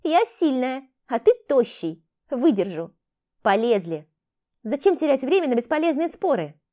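A woman's voice: high-pitched, big pitch swings, moderate pace, pitched above the performer's own voice. A woman voicing a brash, impatient young female thief who talks in a bossy, snappish way. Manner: bossy, snappish, sharp-tongued. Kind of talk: audiobook character voice.

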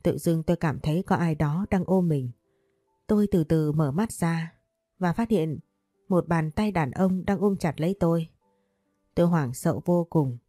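A woman's voice: on the low side, warm tone, no echo, clean studio sound. A woman narrating a first-person romance story in an earnest, emotional way.

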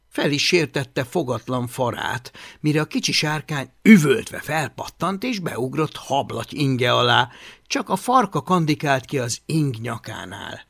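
A man reads a children's adventure story aloud with expressive, animated narration. His voice is bright and sits a bit high, with wide pitch movement. The recording is close and dry. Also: creaky, husky, dry recording. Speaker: audiobook narrator.

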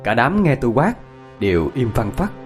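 A man's voice: medium pitch, very animated, soft background music. Dramatic male horror storyteller. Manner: tense, dramatic, slowing for suspense. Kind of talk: first-person horror story narration.

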